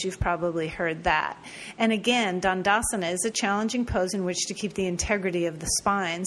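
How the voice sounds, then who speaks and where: A woman with a fairly low voice talks through a yoga teacher training lesson. She repeats each term slowly and spells it out, dropping in casual asides. Faint background noise sits under her voice. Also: fairly bright tone. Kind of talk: recorded teaching talk.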